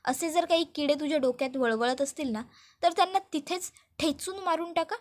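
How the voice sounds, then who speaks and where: A woman's voice: sits high, fairly quick, lightly acted. A woman voicing a gloating male villain who mocks and threatens in a sing-song, sarcastic way. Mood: mocking.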